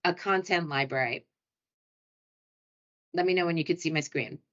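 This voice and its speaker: A New York City hotel sales director presents a casual webinar, chatty and upbeat and quick to poke fun at herself, with a New York accent. Her voice is a little low and a bit bright, at a moderate pace. The audio is muffled and lo-fi, like a computer mic on a video call.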